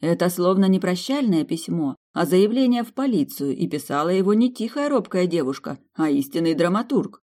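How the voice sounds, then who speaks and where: A woman reads a fantasy romance audiobook in the first person. Her voice is low and deep. She tells it with a lively, ironic touch. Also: moderate pace, few pauses. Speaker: audiobook narrator. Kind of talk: scripted first-person narration.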